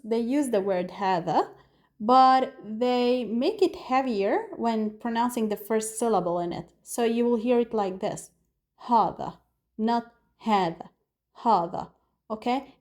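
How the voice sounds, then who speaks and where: A woman with a Lebanese accent gives a beginner language lesson in a fairly high voice. She explains patiently, repeats key words for the learner to copy and calls her viewers "guys". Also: normal speed, a little mellow. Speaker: Arabic teacher.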